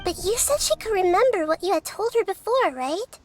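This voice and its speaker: Tiny wise little goddess girl, calm and curious, soft and thoughtful, really high voice, faint game music. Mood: pondering. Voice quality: soft, measured, gently analytical. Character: small childlike goddess, calm, curious and scholarly. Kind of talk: video game dialogue. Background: game soundtrack music.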